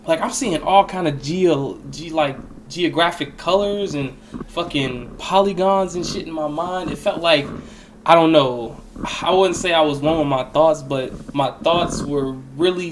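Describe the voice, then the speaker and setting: A man's voice: fairly high pitch, slight background noise. A young man telling a personal story in a casual, rambling way, with plenty of slang and swearing. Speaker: storyteller recounting a personal experience.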